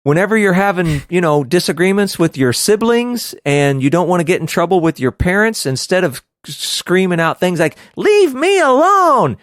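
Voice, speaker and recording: A man co-hosting a casual Bible study podcast, animated and quick to laugh, with hammy outbursts. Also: high-pitched, no echo. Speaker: podcast co-host teaching scripture.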